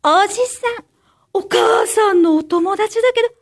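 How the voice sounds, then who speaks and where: A woman's voice: very high-pitched, normal speed. A woman playing a scheming middle-aged man who coaxes a child to follow him, in a crime-prevention radio skit. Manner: wheedling, sneaky coaxing. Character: sly scheming middle-aged male child-luring stranger.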